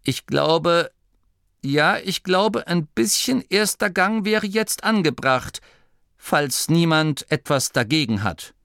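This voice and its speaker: A man's voice: a little high, lively intonation, slow pace, vocal fry, fairly bright tone, clear, resonant tone, no room sound, studio quality, voice pushed up, heavily acted. A man voicing the duke's son, a shy young male nome who speaks tentatively.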